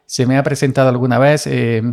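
Hosting his own podcast, a man from Andalusia, Spain, talks casually in a rambling monologue, poking fun at himself with lots of fillers and restarts. He sounds brisk and a little mellow, his mid-range pitch barely moving.

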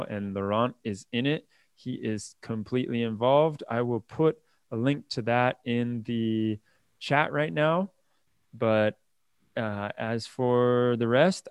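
A man's voice: mid-range voice, clean tone, no echo. Male host, casual tech chat, laughs easily, clean dry sound. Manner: upbeat, laughs often, wraps up the show.

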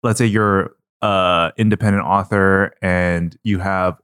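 Low-voiced man co-hosting a podcast. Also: fairly even intonation, slow pace, a bit bright, smooth. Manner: thinks aloud, restarts, hedging. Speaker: podcast co-host. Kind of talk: casual chat. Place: kitchen table in his living room.

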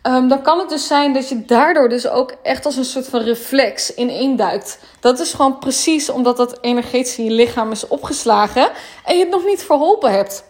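A woman's voice: high voice, moderate pace, darkish tone. A woman coach talking casually in a monologue, frank and sometimes swearing, with English phrases dropped in.

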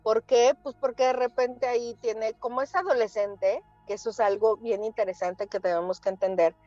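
Animated woman telling stories. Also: a little high, normal speed, no echo, muffled recording, faint music behind. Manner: animated storyteller, acts out quotes. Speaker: guest therapist. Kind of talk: casual talk show chat.

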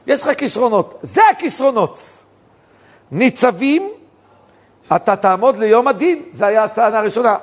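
A man, a rabbi, giving a Torah lesson in an animated way, telling stories and acting out the dialogue. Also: high voice, vocal fry, breathy edge.

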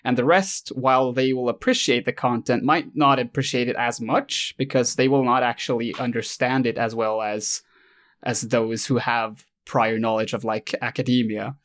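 A man's voice: mid-range voice, steady tone, normal speed, fairly bright tone. Man talking casually. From Sweden. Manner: hesitant, self-correcting, thoughtful. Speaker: YouTube creator and host. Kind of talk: casual conversation.

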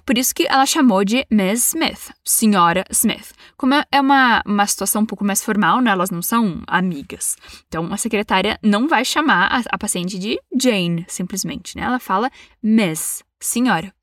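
A Brazilian woman teaching English, saying model phrases slowly for learners to repeat and cheering them on with patience. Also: medium pitch, a bit bright, no room sound, clean studio sound. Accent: Brazilian Portuguese. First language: Portuguese. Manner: encouraging and patient. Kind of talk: bilingual English lesson with repetition drills.

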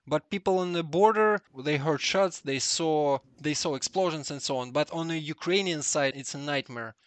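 A Russian man with a fairly high voice and a close, dry sound. He talks casually but earnestly, with a Russian accent and emphatic, halting non-native phrasing, as a guest in a conversation. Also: no echo. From southern Russia. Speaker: interview guest, 3D artist.

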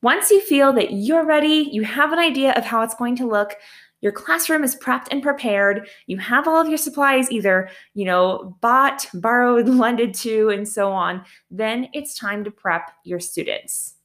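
A woman's voice: fairly high pitch, unhurried, a bit bright. A young adult woman teacher explaining how she sets up classroom routines, in a casual, practical way, laughing lightly at her own slips. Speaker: teacher sharing classroom tips. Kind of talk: casual instructional talk.

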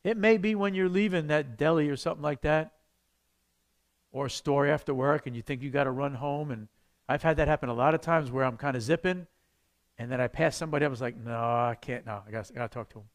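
A pastor leads a church class on sharing faith. His voice sits a little high for a man, and he talks in a loose, conversational way with sudden loud, animated bursts. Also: brisk.

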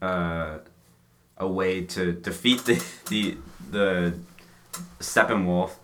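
A man's voice: sits low, takes it slowly, a little hiss or hum. A young man co-hosting a casual podcast chat, laid-back, chiming in with agreement and dry jokes. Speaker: podcast co-host.

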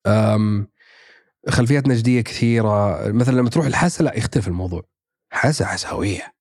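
A man's voice: lowish voice, quick pace, a little mellow, no room sound, studio quality. A man, chatting casually as a podcast guest, thinking aloud with many fillers and restarts. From Saudi Arabia. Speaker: podcast guest, actor and writer. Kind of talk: casual chat.

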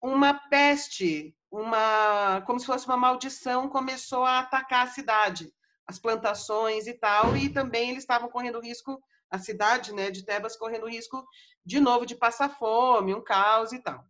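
A woman's voice: on the high side, moderate pace, fairly bright tone. A woman podcast host casually retelling a story, chatty with frequent fillers. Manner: chatty, many fillers like né and tal.

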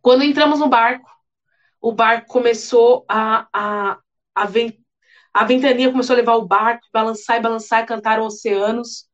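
Young woman, high voice, earnest testimony sermon, repeats herself, dull lo-fi recording. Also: moderate pace. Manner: animated, earnest storytelling with repetitions. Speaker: preacher giving a testimony. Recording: dull lo-fi sound.

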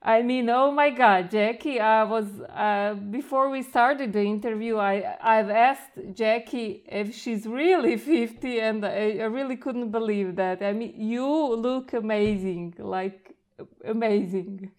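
A woman's voice: a little high, measured pace, darkish tone. A woman from Croatia hosting an interview, gushing and hesitant, with many fillers and restarts. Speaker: host.

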